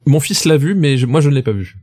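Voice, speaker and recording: A man's voice: on the high side, animated, quick pace, warm tone, slightly rough. A man co-hosting a casual film-ranking chat, thinking aloud, hesitant and mildly blunt. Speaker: podcast co-host.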